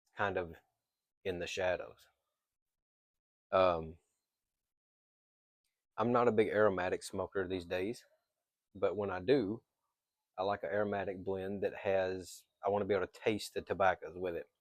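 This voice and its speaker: A man giving a casual, unscripted product review as a reviewer, pausing mid-thought and thinking aloud. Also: low voice, fairly even intonation, no echo. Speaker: pipe tobacco reviewer.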